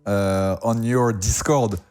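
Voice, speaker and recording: A man's voice: on the low side, fairly even intonation, slow pace, a little mellow, clear, resonant tone. Teasing male interviewer. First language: French. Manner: lightly teasing, laughs often. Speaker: interviewer host. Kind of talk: casual interview.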